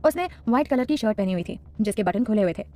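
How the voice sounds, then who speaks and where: A woman narrating a scripted audio drama in a brisk, dramatic way. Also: mid-range voice, lively intonation, warm tone. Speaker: storyteller.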